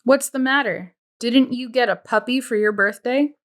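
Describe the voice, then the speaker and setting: A woman's voice: a little high, moderate pace, pitched above the performer's own voice, lightly acted. A woman reader voicing a stern, sarcastic female camp warden with pointed, interrogating questions. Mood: sarcastic, challenging.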